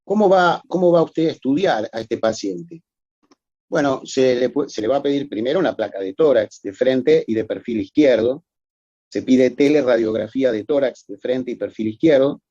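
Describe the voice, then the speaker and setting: A man's voice: medium pitch, normal speed, dark tone, dry recording, highs cut off. A man giving a recorded medical lecture, explaining methodically and addressing students formally.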